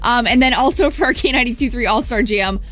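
A woman's voice: fairly high pitch, quick pace, a bit bright, faint music behind. An American woman co-hosting a radio morning show, chatting and reading promos. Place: radio studio.

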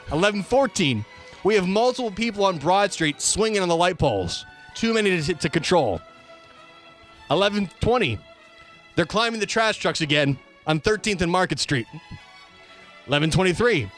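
With music running underneath, this radio talk show host reads out quoted reports in a punchy, announcer style. He has a high, fairly bright voice.

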